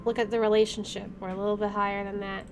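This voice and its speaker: Hosting a visual novel playthrough, a woman reads the narration and comments casually and reactively. She has a mid-range voice with little pitch movement and talks at a quick pace. Game music runs underneath, and the background is noisy.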